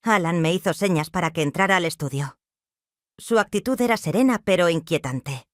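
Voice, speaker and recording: A woman's voice: on the low side, brisk, dry recording. Woman narrating a story, dry sound.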